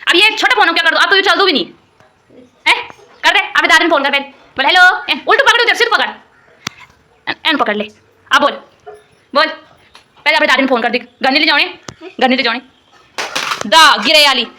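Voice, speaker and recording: A young woman vlogging with a Garhwali-tinged Hindi accent, teasing and coaxing a small child in loud, high bursts, then narrating her day casually. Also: lively intonation, normal speed, long pauses, slight background noise. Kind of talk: casual family vlog.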